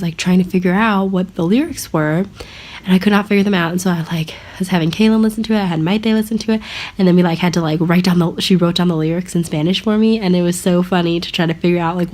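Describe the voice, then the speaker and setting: A woman's voice: on the low side, fairly even intonation, fast talker, darkish tone. A young American woman in her twenties, chatting casually in a vlog with lots of fillers and laughs. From United States. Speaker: vlogger and language assistant at a school. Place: outdoors in a park.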